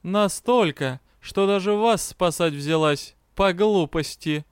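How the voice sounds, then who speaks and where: A man's voice: high voice, takes it slowly, clear, resonant tone, no echo, clean studio sound. A man voicing a grumpy, sardonic male dragon who answers curtly and with irritation. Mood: mocking. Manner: curt, irritated, mocking. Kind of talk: audiobook reading.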